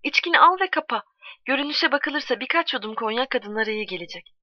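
A woman's voice: on the high side, lively intonation, fast, no echo. A woman voicing a kindly, patient male barkeeper who talks in a soothing, coaxing way, in a dull, dry recording.

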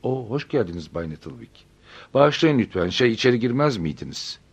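A man's voice: sits low, very animated, fairly quick, dark tone, breathy edge, heavily acted. A man voicing a flustered bank teller who stammers apologies and hurries to please. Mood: flustered apologetic. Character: flustered middle-aged male bank teller.

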